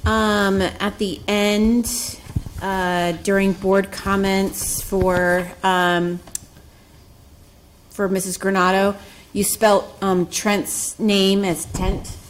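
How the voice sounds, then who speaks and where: A woman on the board speaks very slowly and deliberately as she moves to approve minutes and points out a small correction. Her mid-range voice is hesitant, with faint noise behind. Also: medium pitch, little pitch movement. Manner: slow, careful, hesitant. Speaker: board member. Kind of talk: meeting motion and remarks.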